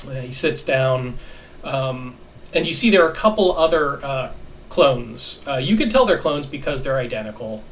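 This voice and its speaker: Slow um-filled guy running a tabletop game, mic kinda far away. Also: mid-range voice, a bit bright, a little hiss or hum. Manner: halting, many ums and restarts. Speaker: game master. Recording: distant mic with faint ambience.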